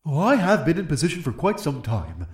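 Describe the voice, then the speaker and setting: A man's voice: fairly high pitch, wildly swooping pitch, a little fast, pitched above the performer's own voice. A man doing a pompous theatrical dragon. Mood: amused. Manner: grandiose, old-fashioned stagey diction. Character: fat pompous male dragon, theatrical and genteel.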